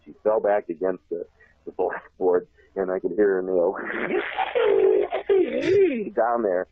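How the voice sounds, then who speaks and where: A man telling a long childhood story on a talk show, animated and laughing often. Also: sits low, slow pace, creaky, breathy edge. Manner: animated, laughs often, acts out shouted voices. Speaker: guest telling a life story. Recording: tinny phone line.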